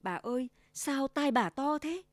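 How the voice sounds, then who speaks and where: A woman's voice: sits high, expressive, a little slow, no echo, pitched above the performer's own voice. Woman doing a sweet little girl.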